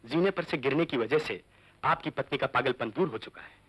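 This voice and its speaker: An actor playing a grave doctor who gives serious news in a measured way, in 1970s Hindi film style. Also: male voice, mid-range voice, background noise, lightly acted.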